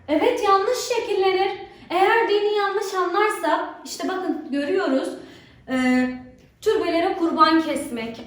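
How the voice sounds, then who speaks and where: Woman teacher w a really high voice, keeps going "right?" at the kids, sounds far off the mic. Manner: keeps asking rhetorical questions to draw pupils in. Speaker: religion teacher. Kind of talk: recorded remote lesson for schoolchildren. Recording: very echoey room, voice far from mic.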